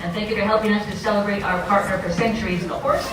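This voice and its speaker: A woman's voice: medium pitch, level tone, fast talker, noisy background. A woman announcing a live animal show to a crowd as an upbeat presenter. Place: outdoor horse show arena, heard over loudspeakers. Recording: very echoey distant PA, music behind.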